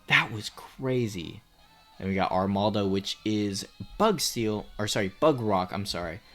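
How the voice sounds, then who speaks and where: Excitable swearing young man gaming. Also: on the low side, measured pace, soft background music. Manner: excitable, swears a lot, laughs often. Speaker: gaming YouTuber. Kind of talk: let's play commentary.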